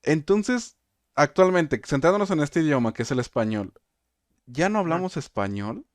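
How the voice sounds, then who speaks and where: A man's voice: on the high side, expressive, normal speed, dry recording, clean studio sound. A man in his twenties with a Mexican accent, hosting a podcast and thinking aloud as he asks questions in casual chat. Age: 20s. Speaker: podcast host.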